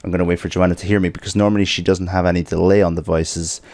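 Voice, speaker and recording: A man's voice: deep voice, little pitch movement, rapid-fire, a little mellow. A man hosting a livestream podcast, chatting casually and laughing through hyped-up banter. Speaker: stream host.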